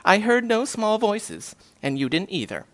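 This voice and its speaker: A man's voice: high voice, sing-song, a little slow, voice pushed up, low-quality recording. A man voicing a bossy, scornful female kangaroo in a children's story, snappish and scolding.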